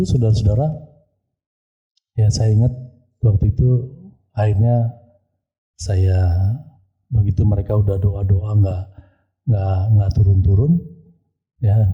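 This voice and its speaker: A man's voice: fairly low pitch, mellow, dull audio. A male pastor telling a story during a church service, often turning to address the congregation. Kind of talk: sermon testimony.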